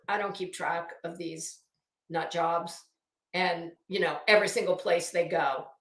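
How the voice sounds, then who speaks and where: In an echoey, roomy recording, a woman rants off the cuff as a channel host. Her lowish voice is pushed and bright, and her opinions come across blunt, scornful and emphatic.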